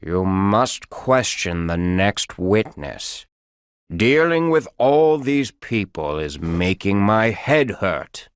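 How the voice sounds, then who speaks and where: Woman doing a slow, weary storybook king. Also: very deep voice, very animated, clean tone, no echo, studio quality, voice pushed down, exaggerated voice. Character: slow, fretful old male king.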